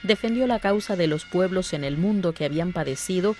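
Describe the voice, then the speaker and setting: A female Cuban radio announcer with a fairly low voice narrates a scripted series clearly and formally. Faint music runs under her reading. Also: a little fast, a little mellow.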